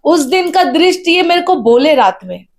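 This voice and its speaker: A woman, earnestly telling an interviewer her personal story with deep feeling. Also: very animated, moderate pace. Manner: earnest storytelling, tearful at times. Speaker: interviewee, wife of a candidate. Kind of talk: emotional personal account.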